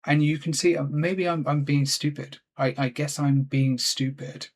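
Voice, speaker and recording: A man's voice: a little high, steady tone, normal speed. A frustrated man giving gameplay commentary at his computer, swearing constantly and talking to himself. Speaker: let's play gamer.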